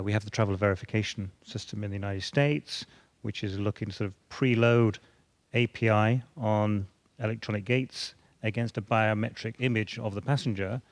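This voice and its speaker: A man speaking as a panelist at a conference, measured, sometimes repeating words as he thinks. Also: fairly low pitch, dry recording.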